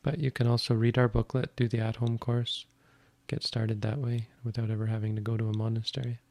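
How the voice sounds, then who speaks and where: A man's voice: mid-range voice, completely flat delivery, a little fast, a little mellow. A man, a Buddhist monk, answering audience questions in a frank, matter-of-fact way with dry, self-deprecating humour. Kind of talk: live question-and-answer session.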